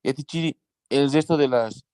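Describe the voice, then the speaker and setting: A man's voice: medium pitch, normal speed, a little mellow, clear, resonant tone, dry recording. Man, student, polite question, distant from the mic. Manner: polite, asks for a repeat. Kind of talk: question in class.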